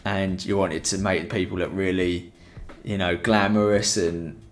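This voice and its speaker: A low-pitched, flat male voice at a moderate pace carries this rambling photography tutorial. The young speaker talks casually into a headset mic from home during a live stream, leaning heavily on fillers.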